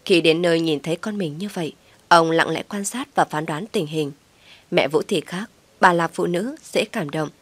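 Woman narrator, calm steady story reading, low voice, dry close sound. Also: moderate pace, husky, no echo.

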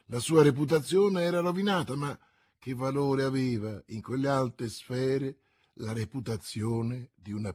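Husky man reading a classic novel. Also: medium pitch, darkish tone. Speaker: audiobook narrator. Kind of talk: scripted literary narration.

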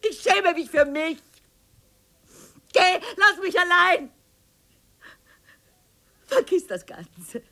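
An actress playing a neglected wife confronting her husband in a radio play, moving between hushed whispers and tearful pleading. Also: very high-pitched, animated, drawn-out words, pauses often, heavily acted.

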